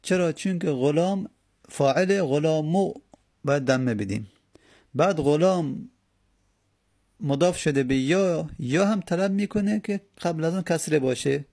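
A man's voice: a little high, creaky, long pauses, darkish tone. A man teaching a grammar lesson, patiently explaining step by step and answering his own questions.

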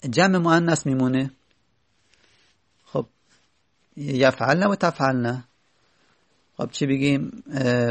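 A man's voice: a little high, creaky, dry recording. A man teaching an Arabic grammar lesson, patiently repeating each rule and example step by step. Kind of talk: explanatory lesson.

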